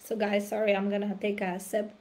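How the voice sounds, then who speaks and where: A woman, hoarse from a cold, hosting a live coaching challenge and often clearing her throat. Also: mid-range voice, level tone, a little fast, darkish tone. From Russia. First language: Russian. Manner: frequent throat clearing and fillers. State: raspy voice from a cold. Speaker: challenge host. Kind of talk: live-stream coaching talk.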